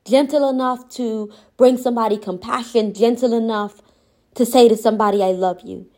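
Woman, high voice, impassioned motivational monologue, gentle but firm delivery. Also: fairly even intonation, normal speed. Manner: impassioned, repetitive emphatic phrasing.

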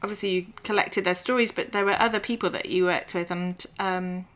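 Bright-voiced woman interviewer. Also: fairly low pitch, steady tone, a little fast. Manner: hesitant, with many fillers. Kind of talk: casual interview talk.

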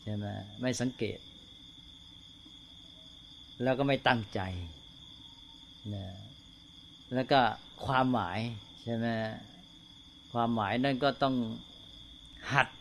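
Older man, buddhist monk, slow explaining talk, faint crickets behind. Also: medium pitch, fairly even intonation, slight background noise. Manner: slow, unhurried explaining with frequent tag questions. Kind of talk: dhamma talk to monks.

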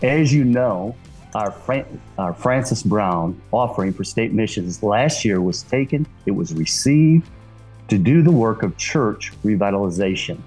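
A male podcast host welcomes a guest in a friendly, earnest way. His voice is fairly low with a husky edge. Faint music plays softly beneath him. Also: lively intonation, measured pace. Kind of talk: podcast hosting.

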